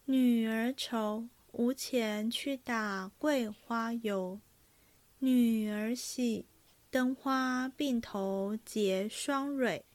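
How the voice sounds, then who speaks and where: A woman voicing a refined young male opera actor, reciting in a slow, measured way. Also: a little high, fairly even intonation, no echo. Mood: graceful.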